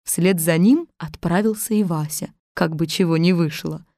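A woman narrating a fairy tale with expressive storytelling. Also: lowish voice, normal speed, dry recording, clean studio sound.

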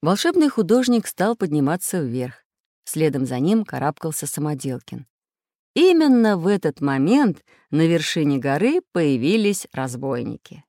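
A man narrating a children's adventure audiobook with expressive storytelling. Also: fairly high pitch, moderate pace, no echo, clean studio sound.

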